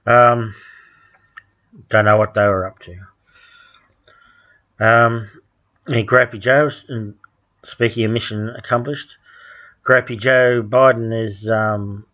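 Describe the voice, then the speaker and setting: A man talks on his own at home in a loose, rambling monologue. His voice sits fairly low, and he often stops with an um and restarts mid-sentence. Dry, sardonic asides run through the whole thing. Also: steady tone, bright, forceful tone. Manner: halting, many ums and restarts, sardonic asides. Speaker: podcast host.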